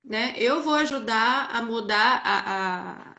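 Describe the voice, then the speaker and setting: A woman's voice: on the high side, slow, pushed and bright. A Brazilian woman speaking as a guest in a casual live chat, reflective and explaining at length. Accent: Brazilian Portuguese. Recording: echoey room.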